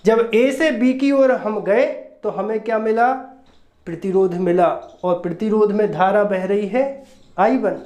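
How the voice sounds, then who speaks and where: A physics teacher giving a recorded lecture, repeating each step and asking quick rhetorical questions to check understanding. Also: mid-range voice, darkish tone. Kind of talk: recorded classroom-style lecture. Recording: roomy echo.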